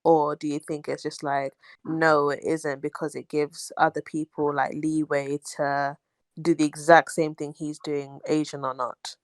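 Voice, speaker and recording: Low-voiced woman asking questions. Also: little pitch movement, no room sound. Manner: questioning, halting restarts. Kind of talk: casual podcast chat.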